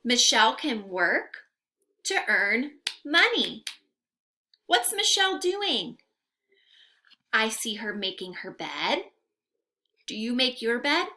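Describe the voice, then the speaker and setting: A young adult woman gives small children an interactive read-aloud lesson from a room at home, her delivery sing-song and precisely enunciated as she poses questions. She speaks slowly and pauses often, her high voice swinging widely in pitch with a bright, forceful tone.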